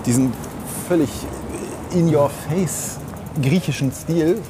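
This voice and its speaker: A podcast co-host with a slightly high voice takes his time as he walks through a city, chatting casually, voicing opinions wordily and restating things often. The outdoor recording clearly captures traffic and street ambience.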